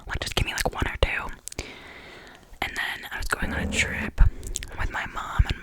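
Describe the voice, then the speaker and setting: A woman's voice: normal speed, rough recording. A woman venting in a casual ASMR whisper, exasperated and sardonic, rambling and repeating her phrases. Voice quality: whispery, breathy with creaky edges. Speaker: ASMR creator.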